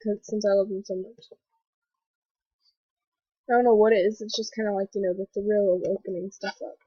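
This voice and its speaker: A young woman with a stuffy cold voice hosting a casual gaming commentary vlog, rambling excitedly with lots of fillers. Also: medium pitch, normal speed, husky, dry recording. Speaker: gaming video host. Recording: dull lo-fi voice recording.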